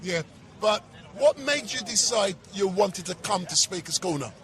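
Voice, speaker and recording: A man hosting a rowdy street livestream outdoors in a city park, excitable and repeating his words as he calls people over. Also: high voice, normal speed. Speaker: livestream host. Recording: outdoor crowd noise. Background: crowd chatter.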